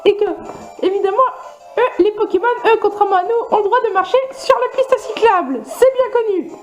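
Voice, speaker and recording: A man doing a shrill, manic game trainer. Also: moderate pace, soft background music. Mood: shrill mock-dramatic. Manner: squeaky falsetto, theatrical and mock-outraged.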